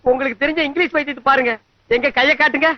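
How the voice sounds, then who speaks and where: A rambling, sly comic man in a film scene who fusses and schemes. His voice is pitched high for a man. The sound is dry and dull, like an old film track. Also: steady tone, rapid-fire, dry recording. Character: fussy panicky man plotting to hold a woman's hand. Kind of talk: film comedy dialogue.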